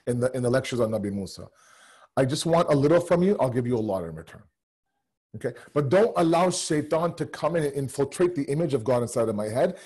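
Earnest man preaching, dark husky voice. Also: medium pitch. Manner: earnest, rhetorical questions, acts out doubting voices. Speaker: religious lecturer. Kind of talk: sermon to online audience.

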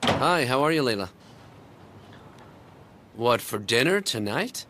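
A man's voice: mid-range voice, very animated, slow pace, noisy background. An actor dubbing a reserved, guarded young man who speaks briefly in a drama. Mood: polite. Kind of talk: dubbed drama. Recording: music score underneath.

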